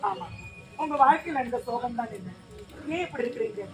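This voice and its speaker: A woman's voice: a little high, animated, a little fast, noisy background, close to an everyday voice. A woman voicing a kindly village mother who soothes a crying stranger in a stage drama. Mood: soothing. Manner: soothing, coaxing. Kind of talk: Tamil stage drama acting.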